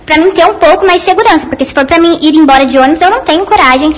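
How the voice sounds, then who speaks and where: A woman's voice: very high voice, very fast. A woman who works downtown, speaking hesitantly in an anonymous interview, her voice disguised by a voice changer. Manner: hesitant, many filler sounds. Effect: voice altered by a voice changer. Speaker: shop employee.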